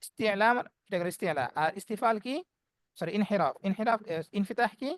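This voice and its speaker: A man's voice: sits high, fast talker, no room sound. A man teaching Quran recitation in an online class, explaining step by step and voicing the letter sounds as examples.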